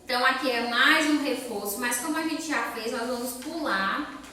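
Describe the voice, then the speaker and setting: Brazilian female teacher, bright and patient; distant, echoey recording. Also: sits high, moderate pace, a little hiss or hum. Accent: Brazilian Portuguese. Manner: patient, explains step by step and asks questions to children. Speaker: elementary school teacher. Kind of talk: recorded remote class lesson.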